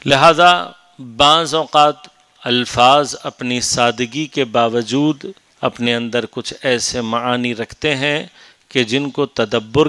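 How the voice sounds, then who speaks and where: In a mid-range, fairly bright voice with no echo, a man delivers a measured, explanatory religious lecture on Quranic commentary that rises into emphatic stretches.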